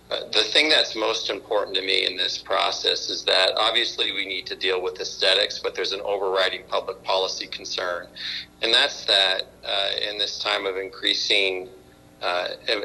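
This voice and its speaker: A mayor calling in over a phone speaker at a council meeting, talking hesitantly with many restarts and fillers. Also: male voice, low voice, vocal fry, bright, forceful tone, rough recording.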